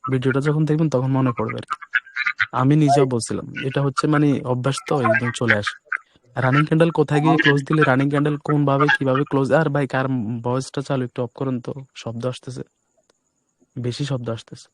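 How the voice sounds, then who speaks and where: A man with a hoarse, breaking voice teaching a live online class, keeping his voice soft to spare it. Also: mid-range voice, steady tone, noisy background. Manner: speaks deliberately softly to spare his voice. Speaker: trading instructor.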